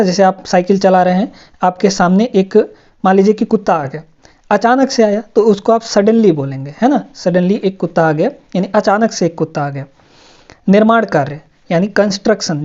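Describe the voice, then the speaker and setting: A woman's voice: mid-range voice, warm tone, muffled recording. A woman teaching English vocabulary to students, explaining word meanings patiently and repeating each word with frequent check-ins.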